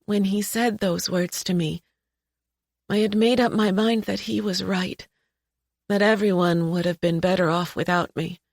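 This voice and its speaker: A woman reading a first-person story aloud in a soft, emotional way. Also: mid-range voice, fairly even intonation, a little slow, gravelly, dry recording, clean studio sound. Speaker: narrator. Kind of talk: first-person audiobook narration.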